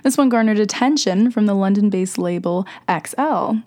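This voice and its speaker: A woman's voice: mid-range voice, normal speed, mellow. Stuffy-nosed young woman radio host, sore throat. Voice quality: slightly congested, stuffed-up nasal sound. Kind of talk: scripted music commentary narration.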